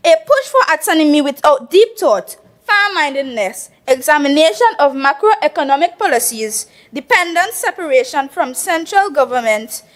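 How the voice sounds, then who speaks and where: A Tobagonian woman with a high, clear voice delivers a formal speech in an assembly chamber. She is measured and oratorical, and drops into local dialect to land a point. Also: big pitch swings. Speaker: youth assembly member.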